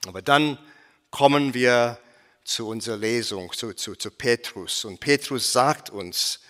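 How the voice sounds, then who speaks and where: A man's voice: mid-range voice, a little slow, fairly bright tone. A man preaching as a guest speaker, hesitant, with many fillers and restarts. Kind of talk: sermon. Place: church. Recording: long church-hall reverb.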